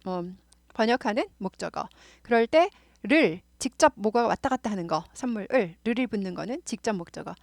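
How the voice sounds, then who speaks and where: A middle-aged English teacher with a Seoul Korean accent gives a casual, chatty grammar lesson, repeating points and wandering into asides. Her voice is fairly high, and the studio-quality recording has no echo.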